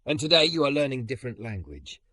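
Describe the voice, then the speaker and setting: Gentle patient immigrant guy read by a male narrator, soft, measured, bright tone. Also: mid-range voice, sing-song, no echo, pitched above the performer's own voice. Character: calm patient immigrant man, gently teasing.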